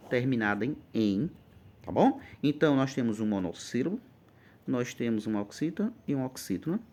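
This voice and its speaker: A man with a Brazilian Portuguese accent teaching an exam-prep grammar lesson in a lively, emphatic way, checking in often with his students. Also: on the high side.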